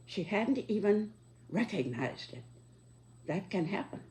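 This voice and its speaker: An American woman in her nineties giving a reflective monologue in a measured, deliberate, halting elderly way. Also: mid-range voice, big pitch swings, mellow. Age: 90s, very old. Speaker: speaker giving personal reflections.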